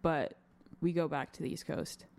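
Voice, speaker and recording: A woman's voice: low-pitched, steady tone, normal speed, vocal fry, a little mellow. A young woman from Wisconsin talking casually and candidly, with lots of fillers and the odd swear word. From Madison, Wisconsin. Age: young adult. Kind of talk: casual chat.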